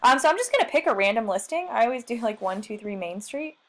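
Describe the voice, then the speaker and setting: Chatty woman giving a software walkthrough. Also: a little high, sing-song, fast talker. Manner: chatty, self-deprecating, thinking aloud. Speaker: marketing trainer. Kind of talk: screen-share software tutorial.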